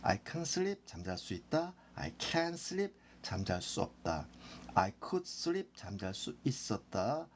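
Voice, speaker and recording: Male English teacher, lively pitch, slow drilling delivery. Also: slight background noise. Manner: repeats phrases slowly for drilling. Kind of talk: slow explanatory lesson.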